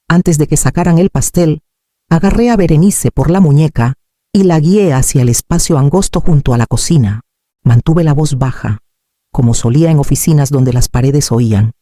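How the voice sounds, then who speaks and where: A woman narrating a scripted story in a calm, measured way. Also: sits low, dry recording, clean studio sound.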